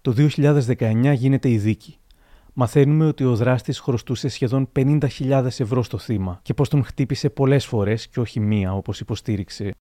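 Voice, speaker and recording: A man giving scripted documentary narration in a measured, factual way. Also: medium pitch, warm tone, dry recording, studio quality, faint music behind.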